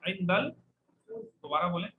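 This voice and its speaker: A man's voice: sits high, expressive, slow pace, narrow, tinny audio. A man from Pakistan teaching Arabic words to a classroom, saying each word and having the students repeat it back. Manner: call-and-response, repeats words for students to echo. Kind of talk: classroom vocabulary drill. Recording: echoey classroom with faint noise.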